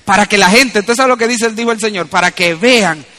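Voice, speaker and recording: A man preaching a sermon as pastor, shifting between loud emphatic peaks and low asides. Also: fairly even intonation, quick pace.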